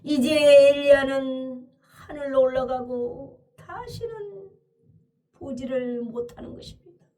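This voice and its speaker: A woman's voice: sits high, takes it slowly, dark tone, far from the mic. A woman preacher telling a scripture story as a dramatic, emphatic sermon, often crying out hallelujah.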